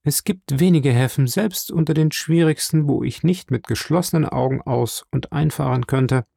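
A resourceful young seaman, earnest and confident, talking his way onto a boat in a storybook reading, as a man voices him. The voice is dark with a gravelly grain. The recording is close and dry. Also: on the high side, moderate pace, dry recording, pitched above the performer's own voice. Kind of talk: audiobook reading.

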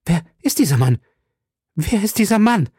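A male reader voicing a terrified accused noblewoman with a shrill, hoarse shriek, in a high, straining voice. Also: big pitch swings, moderate pace, darkish tone, no echo, clean studio sound, heavily acted.

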